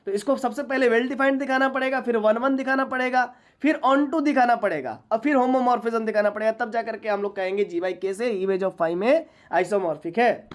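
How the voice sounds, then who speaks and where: A woman's voice: on the high side, normal speed, few pauses. A woman teaching a university maths class, lecturing patiently and often asking whether students follow. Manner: patient, checks understanding often.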